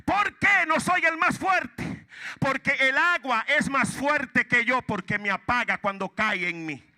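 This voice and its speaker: Guy doing fire, fierce but humble, slow and drawn out. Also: extremely high pitch, bright, forceful tone, exaggerated voice.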